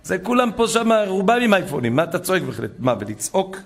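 A man's voice: high-pitched, very animated, vocal fry. A man giving a rabbi's sermon to a gathering, preaching with fervor and retelling conversations. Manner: fervent preaching that builds to loud exclamations. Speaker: rabbi giving a Torah talk.

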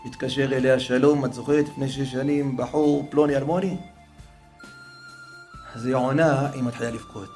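A man telling a religious story as a preacher, dramatically swinging from hushed murmurs to raised, emotional exclamations. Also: mid-range voice, steady tone, pauses often, faint music behind.

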